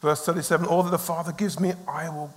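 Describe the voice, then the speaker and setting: A male pastor preaching a sermon in short phrases for an interpreter, lively and emphatic, often laughing. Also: a little high, quick pace, big-room sound. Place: church service.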